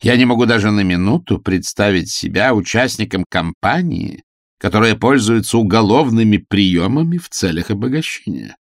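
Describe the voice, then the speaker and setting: A man's voice: on the low side, lively intonation, normal speed, dry recording, studio quality. A man voicing a pompous young male invalid who speaks in a stiff, formal manner. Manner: formal, stilted, condescending.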